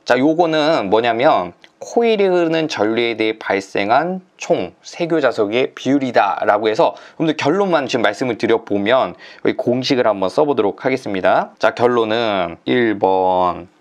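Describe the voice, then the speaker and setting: A man teaching an online exam-prep lecture in a chatty way, full of fillers and pauses. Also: medium pitch, expressive. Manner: chatty, uses many fillers and drawn-out "ja".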